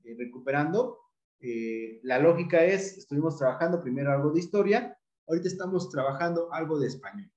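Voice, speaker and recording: Mexican teacher explaining in an echoey room. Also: male voice, a little high, muffled recording. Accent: Mexican Spanish. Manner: explanatory, repeats key points. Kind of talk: online exam-prep lesson.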